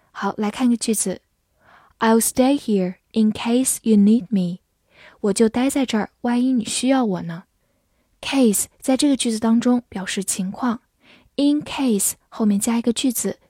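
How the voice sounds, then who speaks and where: A woman teaching English vocabulary in Chinese, spelling each word out letter by letter and reading example sentences slowly. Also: on the high side, darkish tone, no room sound, clean studio sound. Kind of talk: vocabulary lesson.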